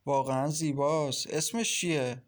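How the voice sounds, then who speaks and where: A man voicing a brash, leering landlord past fifty in a storybook reading, loud and pushy. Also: a little high, lightly acted.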